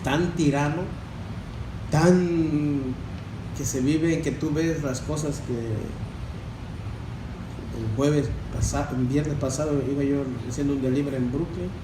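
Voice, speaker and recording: A church member gives a sermon-style testimony slowly and with frequent pauses, his slightly high voice fairly even. He addresses the congregation as brothers and asks rhetorical questions, recorded from far off in an echoey room with faint ambience and background noise.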